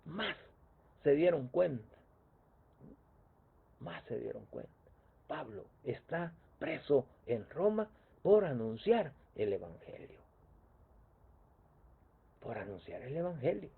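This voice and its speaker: A man's voice: on the high side, big pitch swings, slow pace, vocal fry, pauses often, breathy edge. A man preaching a sermon, repeating his phrases and asking rhetorical questions with a prompting "mm?". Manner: repetitive, rhetorical questions, asks "mm?". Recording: tinny phone-like sound.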